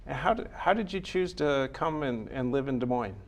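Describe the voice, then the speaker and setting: A man interviews a guest with a mid-pitched voice. He asks friendly questions, sometimes stopping and restarting them. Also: expressive, moderate pace. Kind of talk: casual interview.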